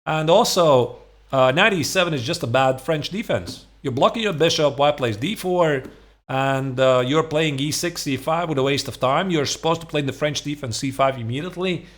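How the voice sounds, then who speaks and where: A man's voice: fairly high pitch, moderate pace, fairly bright tone. A man in his forties giving conversational, emphatic chess instruction, talking through opening lines and checking in with rhetorical questions. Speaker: chess coach and streamer. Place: small home room, indoors.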